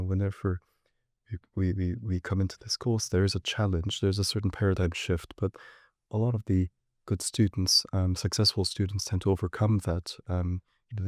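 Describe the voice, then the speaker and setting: Low, mellow-voiced male panel host. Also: no echo, clean studio sound. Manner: rambling, warm-hearted, filler-heavy. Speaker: course leader and host. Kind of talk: hosting a panel interview.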